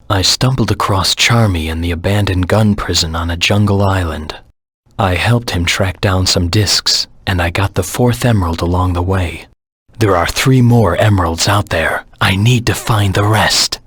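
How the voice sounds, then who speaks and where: Shadow the Hedgehog, low, raspy brooding antihero. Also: male voice, a bit bright, no echo, studio quality, full character voice. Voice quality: gravelly, husky. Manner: terse, grave, menacing. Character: brooding, grimly determined anthropomorphic hedgehog antihero. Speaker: video game character. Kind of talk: dramatic video game voice acting, scripted monologue.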